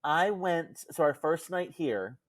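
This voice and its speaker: A man co-hosting a podcast tells stories in a casual, conversational way. His voice sits on the high side and is animated, and he takes his time. The sound is studio quality with no echo.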